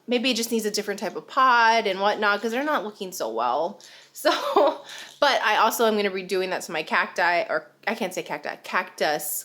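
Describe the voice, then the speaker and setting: A young woman vlogger and stay-at-home mom chats casually to camera, rambling and laughing often. Her mid-range voice is a bit bright, slightly nasal and congested.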